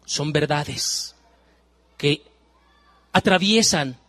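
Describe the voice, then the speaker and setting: A man preaching a sermon, emphatic, moving from hushed warnings to loud exclamations and repeating phrases. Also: fairly high pitch, very slow.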